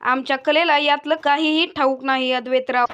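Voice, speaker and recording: A woman voicing a middle-aged mother who tries to calm things down, read in a flat way. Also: high voice, moderate pace. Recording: dull lo-fi recording.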